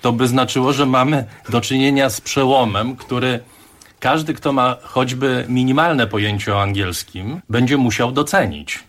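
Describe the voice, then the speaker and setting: Man, mid pitch, radio host, asks summarizing questions. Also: normal speed, a bit bright. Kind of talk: radio interview.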